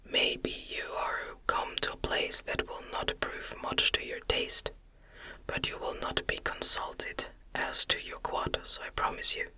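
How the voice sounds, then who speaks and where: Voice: measured pace, bright, forceful tone. A narrator voicing a rude, hostile townsman in an audiobook, in an ASMR whisper. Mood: curt, hostile.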